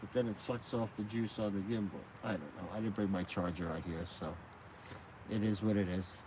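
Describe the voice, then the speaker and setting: Outdoors at night by a fire, a man live-streams from a gimbal-mounted phone, chatting and rambling casually and laughing easily. His lowish voice is steady in tone and a little fast, with background noise behind it.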